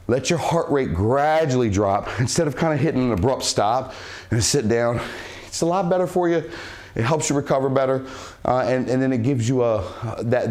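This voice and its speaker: Man coaching a kickboxing workout. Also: mid-range voice. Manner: breathes sharp huss sounds on strikes while demonstrating. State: slightly out of breath from exercising. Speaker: martial arts fitness coach. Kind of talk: instructional workout talk.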